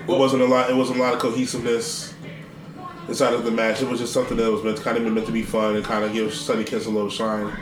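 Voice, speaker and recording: A man co-hosting a casual podcast chat, speaking in a measured, analytical way. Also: medium pitch, monotone. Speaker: podcast co-host. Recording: echoey room, far from mic, noise.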